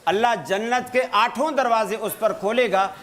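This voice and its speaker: A man giving a religious talk to an audience, telling stories with light humor and reciting Arabic phrases slowly. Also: high voice, a bit bright. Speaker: Islamic preacher.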